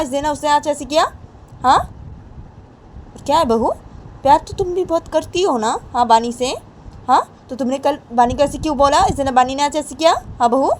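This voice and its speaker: A woman's voice: high voice, a little hiss or hum, voice pushed up, close to an everyday voice, rough recording. A woman voicing a stern older mother-in-law who lectures in repetitive phrases. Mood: scolding.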